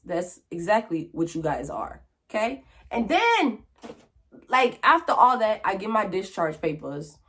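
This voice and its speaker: Woman vlogger, mid-pitched, candid and expressive, casual storytime delivery. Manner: animated, blunt, acts out quoted conversations.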